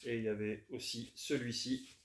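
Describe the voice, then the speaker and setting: A man talks casually about his record finds, relaxed and hesitant with many fillers. His voice sits in a mid range. The room gives a roomy echo with a faint background hiss. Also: mid-range voice, normal speed. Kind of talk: casual unboxing chat.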